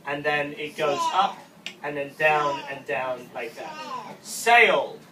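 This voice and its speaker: A woman's voice: sits low, over a noisy crowd. A woman tutoring a child in phonics, patiently drilling the same sounds over and over. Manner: slow, patient, repetitive drilling. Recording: echoey room, distant mic, steady background noise.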